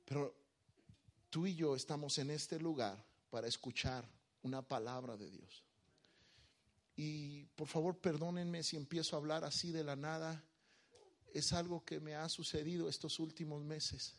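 A man preaching a sermon to a congregation, moving between quiet, intimate speech and loud emphatic declarations as he leads call-and-response. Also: on the high side, measured pace.

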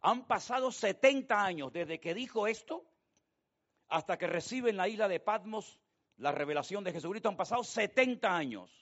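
A man's voice: sits high, animated, normal speed. Man from preaching a sermon. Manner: storytelling, swings from hushed to loud. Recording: dull lo-fi sound.

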